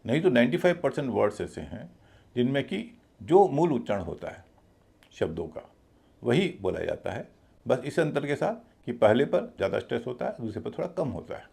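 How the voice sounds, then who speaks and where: A man teaching a pronunciation lesson, his gravelly, raspy voice rising and falling in a lively way. He talks slowly and deliberately, spelling words out letter by letter and repeating each one. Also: mid-range voice. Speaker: English teacher. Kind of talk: spoken language lesson.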